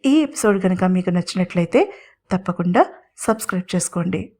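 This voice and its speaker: A woman narrating a romantic audio serial in a steady, expressive storytelling voice. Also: lowish voice, a little fast.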